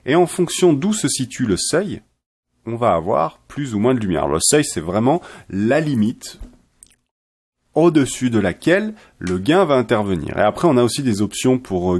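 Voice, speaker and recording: A man explaining software step by step in a chatty, self-correcting tutorial style. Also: lowish voice. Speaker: software trainer. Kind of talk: screen-recorded software tutorial.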